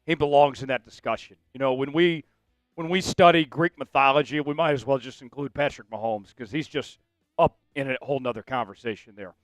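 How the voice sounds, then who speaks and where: A man's voice: medium pitch, a little fast, no echo, faint music behind. A man hosting a casual live-stream sports show, talking energetically and rambling straight to his viewers.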